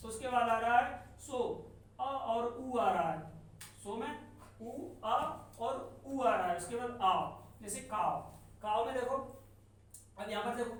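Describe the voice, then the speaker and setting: Teacher at the board, patient drill-style delivery, heard from across a very reverberant room. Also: mid-range voice. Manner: slow, repetitive, sounding out examples. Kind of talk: classroom lesson on English sounds. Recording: very echoey room from far off, faint noise.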